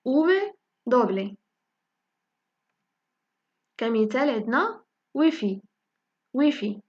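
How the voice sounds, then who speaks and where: A woman with a Moroccan Arabic accent teaching a language lesson, saying each example word slowly and repeating it for learners. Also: high voice, very animated, a little mellow, highs cut off. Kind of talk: spoken lesson in Moroccan Darija.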